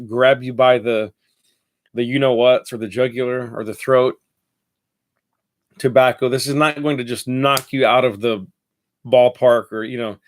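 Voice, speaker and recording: In a laid-back fragrance review, a man rambles and self-corrects, his mid-range voice nasal and blocked up by a head cold.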